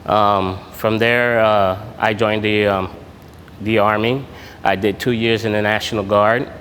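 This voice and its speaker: A lower-voiced man speaks informally to a room, often pausing on filler sounds and restarting his sentences. His voice carries the long echo of a hall, with faint background noise. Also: steady tone, a bit bright. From Puerto Rico. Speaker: military veteran speaking at a networking event. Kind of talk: informal public talk. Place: event room.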